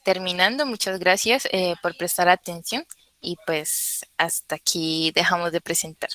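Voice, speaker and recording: A young woman giving a class presentation over a video call, often pausing on "eh" fillers. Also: on the low side, fairly even intonation, sharp tone, dry recording. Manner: hesitant, many "eh" fillers. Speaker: student presenter.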